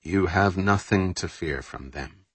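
A calm grown man speaks evenly and quietly, low and reassuring, read by a male narrator. The audiobook sound is dry and close. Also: measured pace, slightly rough, no room sound. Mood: steady.

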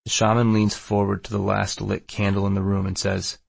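Gravelly, even-toned male narrator. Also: lowish voice, brisk, no room sound. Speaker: audiobook narrator. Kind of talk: scripted first-person narration.

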